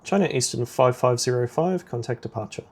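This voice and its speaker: Fairly quick and expressive, a man handles air traffic control in a simulator game with curt, procedural radio instructions. His medium-pitched voice has a creaky edge.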